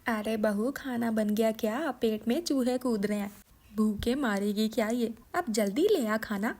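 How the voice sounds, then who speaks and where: A woman's voice: on the high side, measured pace. A woman voicing a nagging, scolding older mother-in-law in a cartoon story. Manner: scolding, complaining loudly. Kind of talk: cartoon voice acting.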